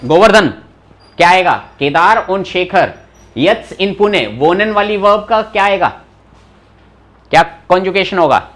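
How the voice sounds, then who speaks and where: Teaching German live online, a young man speaks a little slowly with long pauses, his high, fairly bright voice full of lively intonation. Using casual Hindi blended with English, he explains vocabulary, quizzes learners by name, and teases them when they can't remember.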